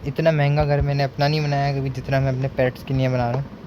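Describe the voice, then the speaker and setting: A man's voice: mid-range voice, flat delivery, quick pace. Young man, gaming streamer, casual commentary, counts aloud, mixes in English, noisy background. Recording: noticeable background noise.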